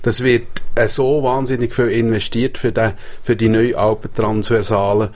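A man's voice: mid-range voice, level tone, moderate pace, darkish tone. A man with a Swiss German accent interviewing a politician on the radio, asking conversational, probing questions.

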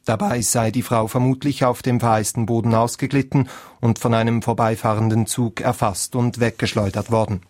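A man's voice: medium pitch, flat delivery, moderate pace, hardly any pauses, darkish tone, no echo. Male newsreader, dry close sound, formal bulletin read. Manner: neutral, formal reading. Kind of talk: radio news bulletin.

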